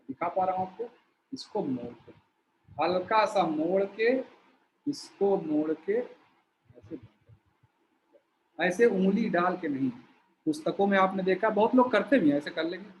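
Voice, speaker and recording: A man teaching a yoga breathing exercise, explaining slowly while he shows each step. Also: high-pitched, a little hiss or hum, low-quality recording. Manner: slow, explanatory, shows movements while talking.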